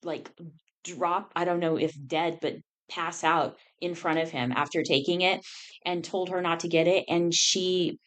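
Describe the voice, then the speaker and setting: A woman co-host speaking with a somewhat low, relaxed voice. She keeps a casual, chatty tone, laughing often and getting animated when she retells something. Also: measured pace. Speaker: podcast co-host. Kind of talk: casual conversational chat.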